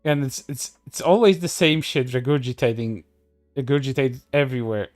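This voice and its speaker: A man's voice: mid-range voice, moderate pace, darkish tone, dry recording, studio quality, faint music behind. A man commenting on online posts in a sarcastic, profane way, with many fillers and restarts. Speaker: streamer.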